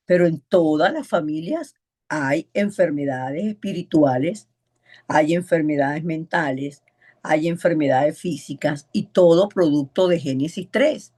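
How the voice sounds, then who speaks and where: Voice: medium pitch, animated, unhurried, darkish tone. A preacher teaching an evangelism class in a sermon style, stressing points by repeating words and acting out the voices in a story.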